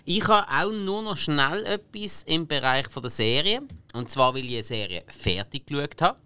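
A young man with a Swiss German accent speaks in hesitant, stop-start casual chat. His voice is bright and tense, and a little high for a man. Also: animated, moderate pace, smooth. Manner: hesitant, stammers and restarts. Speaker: podcast co-host.

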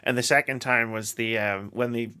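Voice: mid-range voice, fairly even intonation, normal speed, pushed and bright, clean tone. A podcast co-host in casual chat, telling stories animatedly, laughing often and swearing freely.

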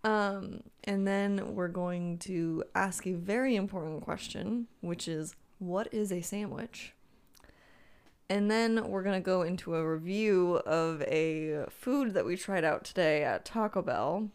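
A woman's voice: lowish voice, measured pace, a little mellow, clear, resonant tone. A woman co-hosting a casual podcast, playful and giggly, tired from little sleep. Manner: giggly, playful, sets up scenarios. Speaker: podcast co-host. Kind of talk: casual chat.

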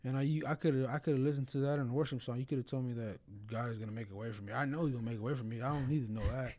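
A man's voice: mid-range voice, rapid-fire, mellow. A man talking casually and earnestly about religion in a blunt way, often peppering his speech with slang and filler phrases. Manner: blunt, earnest, frequent "bro" and "you know".

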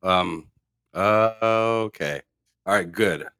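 Deep-voiced man with echoing audio. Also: extremely slow, clean tone. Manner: exasperated with his audio software. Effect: echoey voice, phrases ringing back. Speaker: podcast co-host. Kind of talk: casual chat. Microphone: computer's built-in mic instead of headset mic.

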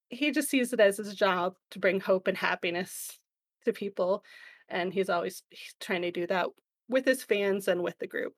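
A woman's voice: medium pitch, fairly bright tone. A woman hosting a casual podcast chat, an enthusiastic, giggly fan who sounds slightly out of breath after being ill. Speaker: podcast host.

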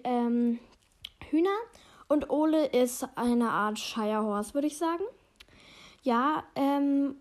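Slow, hesitant woman chatting about a book. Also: high-pitched, a little mellow. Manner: hesitant, stumbling, self-deprecating about her reading. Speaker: book vlogger. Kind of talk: casual book chat and reading aloud.

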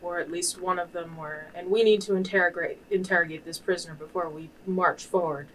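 Woman playing a bright-voiced, stern dwarven general. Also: fairly low pitch, fairly even intonation, far from the mic, slight background noise, lightly acted, low-quality recording. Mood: formal, firm. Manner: deliberate, formal, pulling rank. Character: stern, self-important dwarven army general, commanding and formal.

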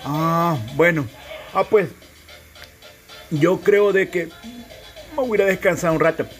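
A man playing an old grandfather with a Salvadoran accent, gruffly teasing his grandson and calling him a fool with affection. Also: high voice, slow, faint music behind. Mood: gruff tender.

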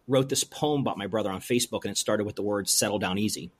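A brewery owner from rural Pennsylvania tells a personal story in an interview, his voice on the low side with a breathy edge. He speaks earnestly but haltingly, restarting often.

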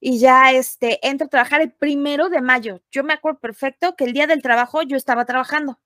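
Mexican girl telling a story on a podcast, high voice, lively, super dry sound. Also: a little fast, no echo. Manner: animated, acts out quotes. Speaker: guest. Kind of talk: casual storytelling.

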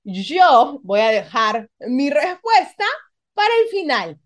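A woman hosting a casual chat, bubbly and teasing, laughing quickly. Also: high voice, sing-song. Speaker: podcast host.

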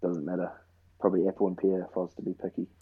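A man's voice: deep voice, completely flat delivery, very fast, slightly rough, narrow, tinny audio. A young man with a broad New Zealand accent, answering interview questions casually in short, slangy phrases. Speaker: interview guest, rugby player. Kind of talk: casual chat.

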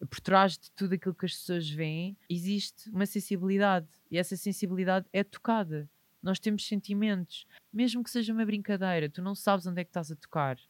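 A man in his twenties speaks with a European Portuguese accent, mid-pitched and frank. He stresses his points hard and now and then breaks into laughter. The sound is dry and close. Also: a little fast, dry recording. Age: 20s. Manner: emphatic, open and reflective, with sudden laughs. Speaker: guest entrepreneur. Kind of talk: candid podcast conversation.

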